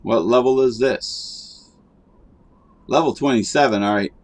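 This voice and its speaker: A man's voice: mid-range voice, measured pace. Rambling man streaming a game. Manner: rambling, with many fillers and restarts. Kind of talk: casual chat while gaming.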